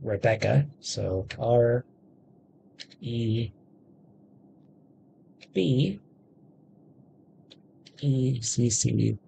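Pausing often, a man in his thirties speaks very slowly in a warm, creaky, mid-range voice while hosting a casual let's play. His offhand commentary comes with slight background noise, faint game music, and video game audio.

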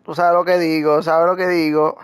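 A man chatting casually while playing an online game with a friend, teasing him and breaking into excited shouts. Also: fairly high pitch, moderate pace, clean tone. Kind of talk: casual gaming chat.

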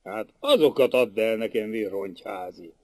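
A man voicing a gruff, greedy middle-aged castle captain who speaks bluntly. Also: on the low side, animated, no echo. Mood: scheming.

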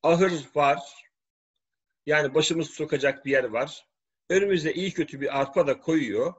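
A man's voice: a little high, a little slow, slightly rough. A man delivering a preachy, scornful religious-political commentary monologue. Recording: dull lo-fi recording.

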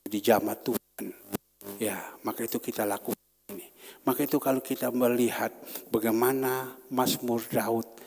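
A man's voice: mid-range voice, fairly even intonation, moderate pace, a little mellow. A male pastor preaching a sermon in an earnest, conversational way, breaking into sudden emphatic outbursts. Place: church hall. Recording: long church hall reverb.

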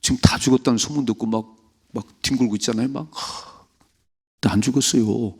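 A man's voice: medium pitch, fairly quick, gravelly, a little mellow, breathy edge. A middle-aged pastor preaching an early-morning sermon, emphatic, acting out prayers and rebukes as he goes.

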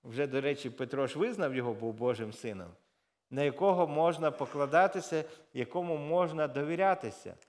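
Preacher, male, fairly high voice, relaxed sermon delivery with "uh" fillers, lifts his voice for scripture readings. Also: fairly quick. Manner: conversational preaching with fillers and self-corrections; reads scripture aloud with raised emphasis. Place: church.

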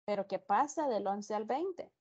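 Slow, patient woman teaching online. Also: medium pitch, lively intonation, a little mellow, lo-fi sound. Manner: patient, explains slowly and repeats. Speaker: English teacher. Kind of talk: online class lesson. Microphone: video call.

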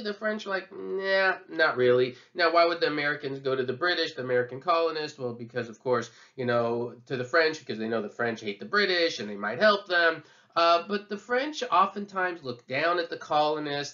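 Guy lecturing on history, chatty with lots of um's, bright voice, kinda dull lo-fi sound. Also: a little high. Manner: conversational, many fillers and asides. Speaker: history teacher.

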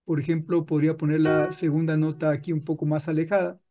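A man teaching music software in a screen-recorded tutorial, patient and explaining step by step with frequent restarts. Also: a little high, little pitch movement, quick pace, highs cut off.

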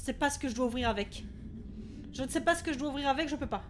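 A woman's voice: high-pitched, rapid-fire, background noise. A woman streaming a horror game, panicking, swearing and shrieking at it between thanks to viewers.

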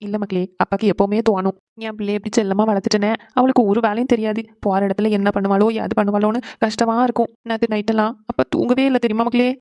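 A woman's voice: mid-range voice, steady tone, a little mellow, dry recording, studio quality, close to an everyday voice. A woman voicing a doting, tearful father in a cartoon, fussing over his daughter. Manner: fast, fussing and emotional. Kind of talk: cartoon voice acting.

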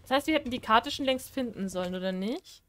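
A woman casually commenting on a horror video game as she plays, chatting to the game's characters and swinging between shrieks and low mumbling. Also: animated, quick pace. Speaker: gaming streamer. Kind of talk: casual Let's Play commentary.

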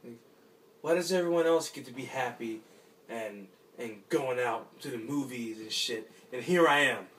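A young actor playing a lonely, heartbroken man, talking haltingly in despair and trailing off into mumbles. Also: mid-range voice, far from the mic, lightly acted. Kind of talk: short film drama monologue.

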